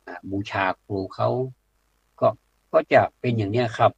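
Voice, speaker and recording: Gravelly and a bit breathy, this man's low-leaning voice moves at a normal speed in a dry recording with no echo. He gives a plain, blunt talk to a community audience, often hesitating with fillers. The recording sounds dull and lo-fi.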